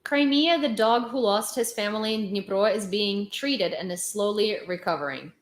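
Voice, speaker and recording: Speaking at a moderate pace in a medium-pitched voice, a woman from Lviv, western Ukraine, offers casual, emphatic news commentary on a livestream with a Ukrainian accent. She is outspoken and repeats points for emphasis, and the room is echoey.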